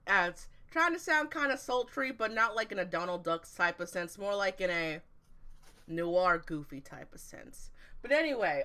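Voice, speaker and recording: A woman hosting a podcast, playful and chatty, tossing in quick asides. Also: medium pitch, bright, forceful tone. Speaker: podcast host. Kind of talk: casual podcast conversation.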